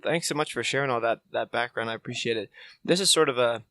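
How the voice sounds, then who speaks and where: A man's voice: medium pitch, fast talker, sharp tone, no room sound. A man hosting a podcast, asking interview questions in a friendly, upbeat, self-deprecating way. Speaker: podcast host.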